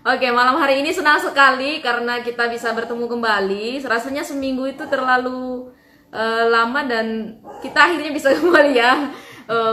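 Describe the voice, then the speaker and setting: A woman hosting an online Bible study, addressing viewers politely with some hesitant pauses. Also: a little high, pushed and bright. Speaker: host. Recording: roomy, echoing sound.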